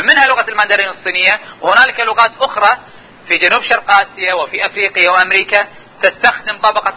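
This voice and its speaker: This linguistics lecturer has a high, sharp male voice with a breathy edge, captured on a low-quality recording. In a classroom lecture, he explains patiently and tells listeners to watch and notice.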